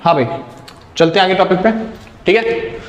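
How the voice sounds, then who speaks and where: A man's voice: high-pitched, moderate pace, reverberant, slight background noise. A man teaching an accounting lecture, explaining step by step and asking and answering his own questions.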